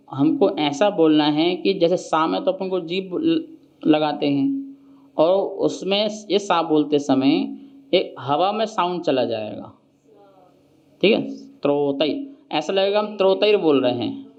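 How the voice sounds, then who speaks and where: Man leading a chant lesson, slightly high voice, very slow syllable drills, dull lo-fi sound. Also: darkish tone. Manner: slow, syllable-by-syllable drilling, then quick explanations; chants verses in a slow sung melody. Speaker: Jain monk teaching recitation. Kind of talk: pronunciation lesson with chanted verses.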